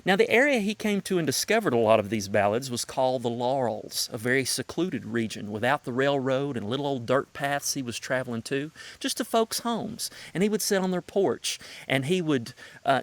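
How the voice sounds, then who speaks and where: A man's voice: medium pitch, lively intonation, normal speed, dry recording. A man from the North Carolina mountains with a Southern Appalachian accent, giving a prepared introduction in a folksy storytelling way with emphatic phrasing. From Madison County, North Carolina mountains, United States.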